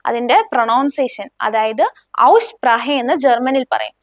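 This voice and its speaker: Slowly sounding out each word, a Malayali-accented woman teaches beginners a language and invites them to repeat after her. Her pitch is fairly high, and the recording is dry.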